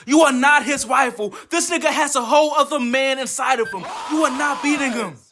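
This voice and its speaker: A man's voice: extremely high pitch, a little fast, bright, forceful tone, slight background noise. A man doing a comedic anime commentary rant, exasperated, profane and mocking. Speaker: video essayist.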